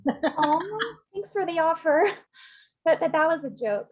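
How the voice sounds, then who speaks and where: A woman's voice: extremely high pitch, very animated, slow, a little mellow, full character voice, poor audio. An actress playing a bubbly young woman who teases her mother's date, reading playfully in a table read. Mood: teasing. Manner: playful, giggly teasing.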